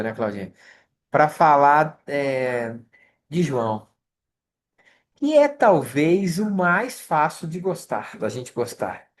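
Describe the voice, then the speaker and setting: Speaking in a mid-range voice, a study group leader with a Brazilian Portuguese accent runs a scripture lesson online via video call. The delivery is conversational, with frequent check-ins with the listeners.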